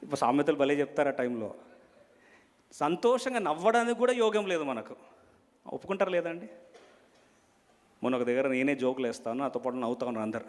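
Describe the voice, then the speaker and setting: A man preaching a sermon and questioning the congregation, switching between loud emphasis and soft asides. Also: medium pitch, animated, brisk, long pauses. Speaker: pastor. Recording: long hall reverb.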